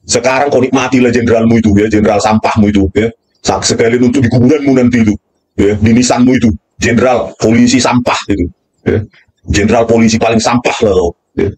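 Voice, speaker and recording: A man's voice: medium pitch, darkish tone, breathy edge. A man delivering angry commentary in a furious rant, repeating a filler tag constantly.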